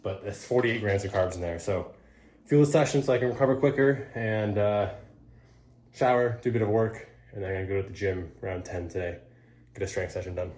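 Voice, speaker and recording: Low-voiced man in a casual vlog. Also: fairly even intonation, a little fast, darkish tone, echoey room. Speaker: fitness vlogger.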